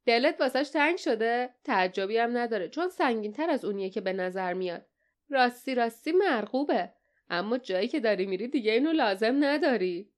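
A woman voicing a sneering sharp-toothed male pirate, speaking in a mocking, gloating way. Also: mid-range voice, fairly even intonation, clean tone, close to an everyday voice.

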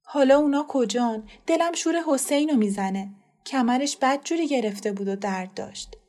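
A frantic older woman in a storybook, forever fretting and lamenting, as a woman reads her aloud. Her voice rides up high above the reader's own. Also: a little mellow. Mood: worried. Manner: fretful, lamenting. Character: frantic older woman, anxious about disgrace.

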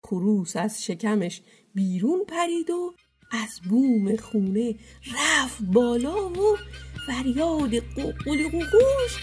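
High voiced woman reading a folk tale, lively, soft music under it. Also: husky. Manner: lively, expressive storytelling with hushed asides. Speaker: storyteller.

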